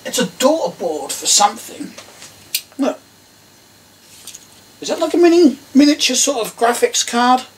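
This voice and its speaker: His voice is very high and very animated, yet he takes his time and pauses often, a middle-aged English video maker mumbling questions to himself over old electronics. Recorded on a slightly distant camera mic in a compact tiled workshop, the audio carries distinct clicks and clatter from the bench.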